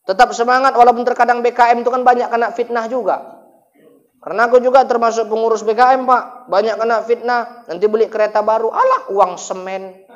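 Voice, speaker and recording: A man preaching at a mosque gathering, telling a humorous story in a lively, animated way and often calling out to his listeners. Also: very high-pitched, fast talker, dull audio. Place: mosque gathering after dawn prayer.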